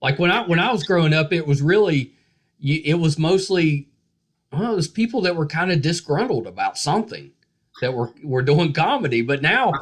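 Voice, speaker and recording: A man's voice: on the high side, animated, moderate pace. A man hosting a podcast interview, effusive and full of praise, with lots of "yeah.". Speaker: podcast host. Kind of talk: casual interview chat.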